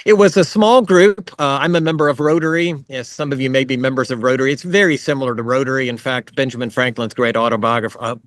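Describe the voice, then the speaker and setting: Male lecturer, mid pitch, chatty and digressive, dry close sound. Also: steady tone, fast talker, few pauses, no room sound. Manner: conversational, with fillers and asides. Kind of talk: online history lecture. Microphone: video call.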